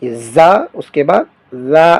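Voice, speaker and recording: A man teaching a Quran reading lesson, sounding out each letter slowly and stressing every syllable before explaining it. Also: fairly high pitch, darkish tone, dry recording. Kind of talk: slow recitation lesson.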